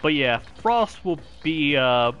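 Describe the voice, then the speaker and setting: A man's voice: a little high, very animated, slow pace, muffled recording, faint music behind. A young man hosting a gaming stream, rambling casually and laughing often. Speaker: gaming channel host. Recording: game sounds loud behind.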